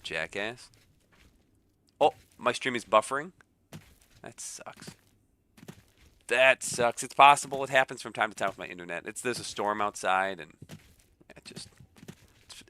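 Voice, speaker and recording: Male streamer, nasal and a little congested, joking casual chat, bright tone. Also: fairly low pitch, smooth. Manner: chatty, joking, reacting aloud. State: a bit stuffy with a cold. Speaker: game streamer.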